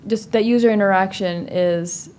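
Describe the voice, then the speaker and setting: A woman's voice: medium pitch, fairly even intonation, normal speed, darkish tone. A woman in her thirties, originally from Cuba, chatting upbeat as a guest on a podcast about her path into product work. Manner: upbeat, chatty, with frequent ums. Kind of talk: casual interview talk.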